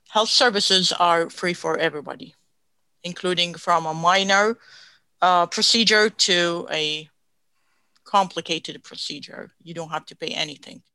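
A woman's voice: fairly low pitch, pushed and bright, no echo. A woman from Iraq with an Iraqi Arabic accent, a physician speaking earnestly in an interview with small restarts and non-native grammar. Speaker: guest, physician. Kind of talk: reading and interview answers.

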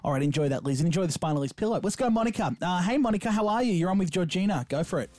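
An Australian man hosting a live radio call-in with excitable, playful banter. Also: sits high, rapid-fire, no echo, clean studio sound, soft background music. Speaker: radio host.

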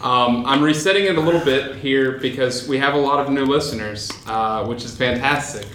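A man's voice: medium pitch, fairly quick, fairly bright tone. A man hosting a casual podcast, rambling along with many fillers and chuckles. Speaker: podcast host. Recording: echoey room with faint noise.

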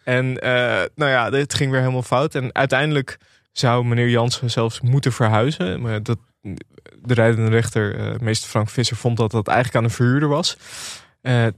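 A man's voice: mid-range voice, fairly even intonation, moderate pace, creaky, dry recording, studio quality. A man co-hosting a casual talk podcast, recounting a TV episode in an easygoing, rambling way. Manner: easygoing storyteller, many fillers. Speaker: podcast co-host, TV critic. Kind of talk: casual chat, retelling a TV episode.

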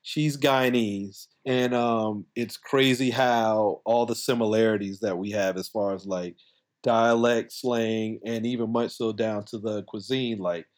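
A man's voice: on the low side, fairly even intonation, a little slow. Man, casual and conversational. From coastal South Carolina, US. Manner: conversational, colloquial, frequent "like" and "you know". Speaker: podcast guest, brewer. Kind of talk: casual explanatory interview talk.

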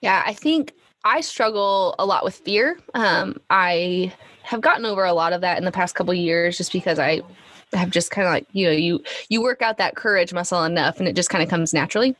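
A woman's voice: lowish voice, brisk, a bit bright, no echo. Lady on a podcast, casual storytelling, ums everywhere, dead dry room. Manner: chatty, many likes and ums, laughs often. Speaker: podcast guest.

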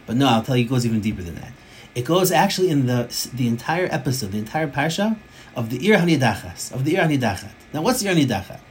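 A man giving a Torah class from his home office, talking in an animated way, restarting phrases and mixing in Hebrew terms. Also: mid-range voice, quick pace, a little hiss or hum, poor audio.

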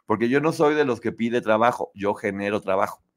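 A man's voice: lowish voice, brisk. Chatty Mexican man hosting a live stream. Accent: Mexican Spanish. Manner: chatty, laughs often, talks to viewers. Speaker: host. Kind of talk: live-stream chat reading comments.

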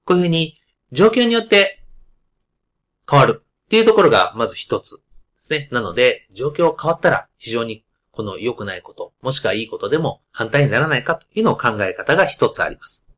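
A man hosting a podcast with a loud, carrying voice, explaining ideas in a casual monologue full of asides and fillers. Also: medium pitch, big pitch swings, brisk. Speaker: podcast host.

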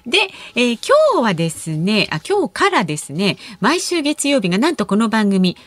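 A woman announcer in a dry, close studio sound. She reads news and chats in a lively voice that rises and falls, brisk and gently teasing as she moves the show along. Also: mid-range voice, dry recording. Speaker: radio announcer and co-host. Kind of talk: radio announcing and chat. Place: radio studio.

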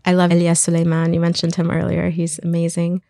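A woman's voice: fairly low pitch, completely flat delivery, fairly quick, gravelly, mellow, no room sound, studio quality. A woman filmmaker talking thoughtfully in an interview, searching for her words as she reflects on her work. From Iraq. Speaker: filmmaker guest.

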